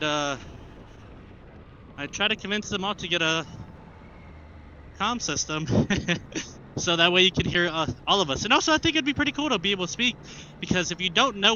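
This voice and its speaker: Young American man, high-pitched voice, rambling motovlog chat, muffled inside-a-helmet mic, faint road noise. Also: sharp tone. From Arkansas, United States. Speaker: motovlogger, new rider. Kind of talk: casual vlog chat while riding. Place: inside a helmet on a motorbike, outdoors. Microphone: helmet headset mic into an action camera.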